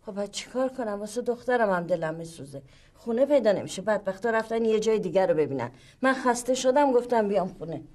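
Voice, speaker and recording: An actress playing a tired, sharp-tongued middle-aged mother who scolds and teases her son. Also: mid-range voice, lively intonation, close to an everyday voice. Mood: scolding. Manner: scolding and teasing. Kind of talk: sitcom acting.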